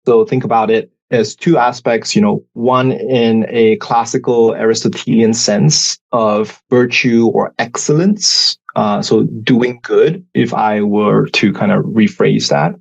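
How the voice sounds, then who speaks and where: A man from Singapore with a lowish, gravelly voice, answering questions as a guest professor. He speaks in a thoughtful, measured way, pausing on filler words as he explains ideas. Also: fairly even intonation, rough recording. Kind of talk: interview answers.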